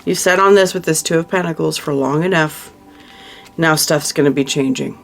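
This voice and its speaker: Tarot reader, mid pitch, consoling and emotional, thinks aloud with restarts, soft music behind. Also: moderate pace, creaky. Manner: frequent restarts and trailing-off phrases. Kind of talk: monthly tarot reading, talking to the viewer.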